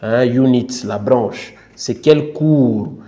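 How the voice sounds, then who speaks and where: A man's voice: medium pitch, slow pace, dark tone, lo-fi sound. A man with a Congolese French accent giving a patient, repetitive teaching tutorial, often tagging phrases with "n'est-ce pas" and apologising for his English. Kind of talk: instructional screen tutorial.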